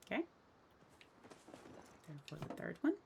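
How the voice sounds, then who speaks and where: A low-voiced woman talks through a building tutorial in a slow, gravelly voice, counting every step half to herself. Loud mouse and keyboard clicking runs behind her. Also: sing-song, background noise. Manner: counts steps aloud under her breath. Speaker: game building tutorial host. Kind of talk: casual step-by-step voice-over.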